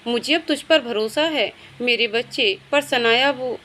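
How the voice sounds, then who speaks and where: A woman's voice: a little high, a little slow, pushed and bright, a little hiss or hum. A woman voicing a worried, loving older mother in a storybook reading. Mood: motherly.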